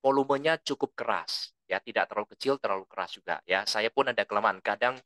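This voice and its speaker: Male trainer, bright mid-pitched voice, dry close sound, relaxed lecturing delivery that leans toward loudness. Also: fast, dry recording. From lived abroad for a long time. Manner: relaxed, explanatory, tags sentences with "ya"; says his own volume tends to run loud. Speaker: presentation skills trainer.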